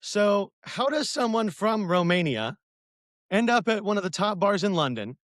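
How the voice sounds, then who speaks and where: A man's voice: high voice, big pitch swings, normal speed, a bit bright, no room sound, clean studio sound. A man hosting a podcast panel, chatty and upbeat as he runs the introductions and asks questions. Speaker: podcast host.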